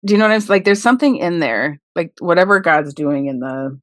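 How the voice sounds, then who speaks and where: A woman works through the meaning of words in a scripture passage, hesitant and full of small fillers. Her voice is somewhat low, and the recording sounds dry and close. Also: expressive, fast talker, no room sound. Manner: tentative, many "like" fillers, explains word meanings. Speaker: podcast discussion participant. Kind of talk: casual discussion of scripture.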